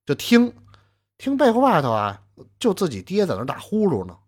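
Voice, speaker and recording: A man telling a traditional story with lively asides to the listener. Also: sits high, a little fast, breathy edge.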